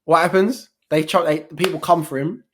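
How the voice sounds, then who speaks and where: A man's voice: a little high, steady tone, moderate pace, a bit bright, slight background noise. Blunt slangy man chatting. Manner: blunt, slangy, drops into mock voices. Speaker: podcast co-host. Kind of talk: casual chat.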